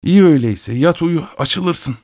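A man's voice: fairly high pitch, lively intonation, normal speed, a little mellow, no room sound, studio quality, voice pushed up. A man putting on a stern, urgent mother. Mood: questioning. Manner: urgent, commanding. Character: stern anxious mother, middle-aged woman. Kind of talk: audiobook reading.

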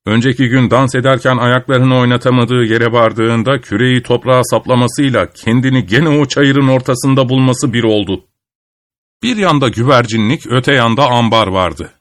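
A man's voice: mid-range voice, no echo. Man reading a folk tale. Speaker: storyteller.

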